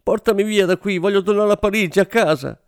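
A man's voice: a little fast, clean tone, no echo, studio quality. A man reading a story aloud, voicing a frightened young French woman who sobs and pleads. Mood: sobbing, panicked. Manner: tearful, pleading, shrill.

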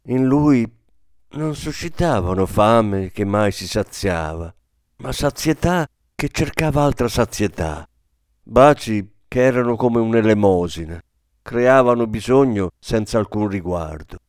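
A man reading a literary story aloud as an audiobook narrator, in a measured reading manner. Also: mid-range voice, darkish tone, dry recording, clean studio sound. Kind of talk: scripted narration.

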